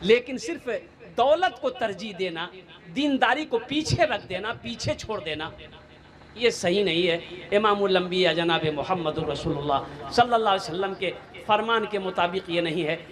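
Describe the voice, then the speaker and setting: A man's voice: high-pitched, lively intonation, normal speed, a crowd in the background. A male Islamic preacher giving a fervent sermon, firing off rhetorical questions and exclamations and often laughing as he preaches.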